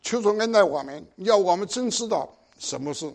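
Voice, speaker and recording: High-voiced older preacher, exhorting. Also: male voice, lively intonation, fairly quick. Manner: exhorting, with pointed rhetorical questions. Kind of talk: sermon.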